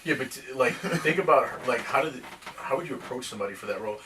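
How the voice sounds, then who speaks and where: A man's voice: mid-range voice, lively intonation, fast talker. A man in his thirties on a casual chat podcast, joking and laughing often as a co-host. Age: 30s. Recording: distant mic with faint noise.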